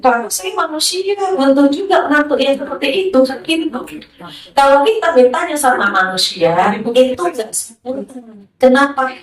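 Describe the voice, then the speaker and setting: A woman preacher giving a sermon to a gathering, talking in a lively way and asking many rhetorical questions. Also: high-pitched, normal speed. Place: hall with a listening audience. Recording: roomy, from a distance.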